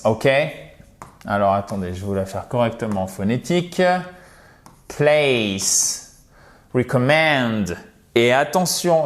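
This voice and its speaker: Guy from france teaching english online, takes it slow, repeats every word so you get it, mid pitch. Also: darkish tone. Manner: patient, repeats words slowly for pronunciation; addresses viewers as dear friends. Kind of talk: online language lesson.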